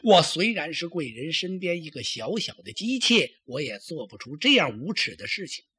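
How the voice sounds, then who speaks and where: A man's voice: a little high, big pitch swings, normal speed, sharp tone, slightly rough, no echo, clean studio sound, heavily acted. A man voicing a tearful, cunning young concubine who pleads and protests in a traditional storytelling performance. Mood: sobbing protest.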